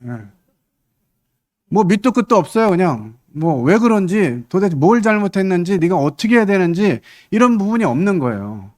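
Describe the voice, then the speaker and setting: A man's voice: high-pitched, sing-song, moderate pace, darkish tone. A man preaching a sermon in a church, talking in a conversational way and acting out quoted lines with sudden lifts in voice.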